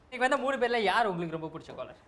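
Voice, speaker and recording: A woman hosting a TV prank show, teasing and lively. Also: mid-range voice, rapid-fire, a little hiss or hum. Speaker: show host.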